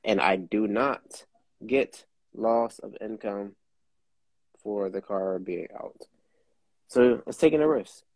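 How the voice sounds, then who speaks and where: A man's voice: fairly low pitch, slow, pauses often, a little mellow, no room sound. A man hosting a casual chat, explaining things in a blunt, profane, laid-back way. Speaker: host.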